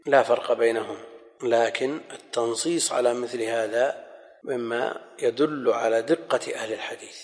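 A man teaching a scholarly lesson in a measured, explanatory manner, often repeating key phrases. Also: mid-range voice. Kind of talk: recorded lecture commentary. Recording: long hall reverb.

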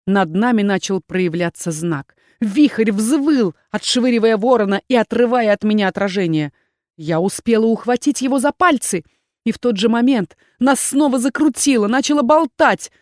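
A woman reading a first-person fantasy audiobook in an expressive storytelling manner. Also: fairly high pitch, normal speed, dry recording, clean studio sound. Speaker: audiobook narrator.

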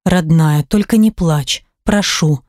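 Woman doing a remorseful man, hot-tempered, pleading, low and slow, audiobook, dry. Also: a little mellow, no room sound. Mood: pleading tender.

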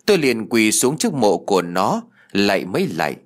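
Animated male ghost-story narrator. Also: fairly low pitch, brisk. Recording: faint music behind the voice.

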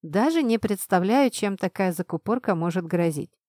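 A woman's voice: medium pitch, animated, moderate pace, mellow, no echo, studio quality, close to an everyday voice. A woman reading an audiobook, voicing a friendly, knowledgeable young male student who explains things patiently. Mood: explaining. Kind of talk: audiobook narration.

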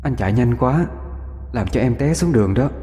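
A man voicing the ghost of a young woman, speaking softly and slowly. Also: mid-range voice, animated, long reverb tail, faint music behind, natural voice. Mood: mournful.

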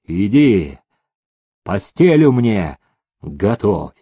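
Guy voicing a nasty old tyrant boss, slow and threatening, voice jumps around a lot, dry sound. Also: fairly low pitch, sing-song, gravelly, dark tone, breathy edge, no echo, exaggerated voice. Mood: menacing.

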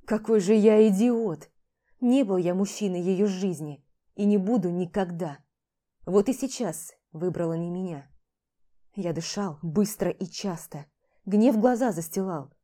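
A woman's voice: fairly low pitch, unhurried, mellow. A woman narrating a first-person novel aloud in an intense, emotional reading. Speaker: audiobook narrator.

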